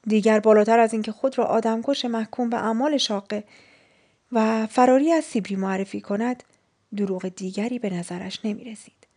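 Husky woman reading a story. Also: on the high side, steady tone, darkish tone. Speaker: story narrator. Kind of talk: literary audiobook narration.

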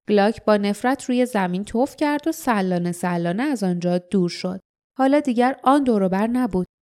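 Woman narrating an audiobook in a mellow voice. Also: mid-range voice. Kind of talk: scripted narration.

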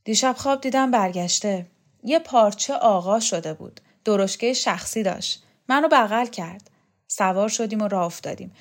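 A woman's voice: mid-range voice, lightly acted. A woman voicing a poor, resigned old man who dreams of his absent son, in a storybook reading. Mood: wistful.

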